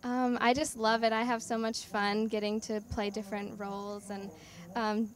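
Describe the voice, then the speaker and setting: Bubbly 18-year-old actress, fairly high voice. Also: female voice, moderate pace. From North Carolina. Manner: relaxed, bubbly, with frequent ums. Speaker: young actress, interviewee. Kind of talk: casual interview answers. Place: outdoors at an evening event.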